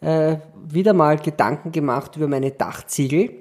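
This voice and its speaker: A man's voice: fairly high pitch, moderate pace, a little mellow. A man hosting a casual podcast chat, joking and laughing often. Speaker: podcast host.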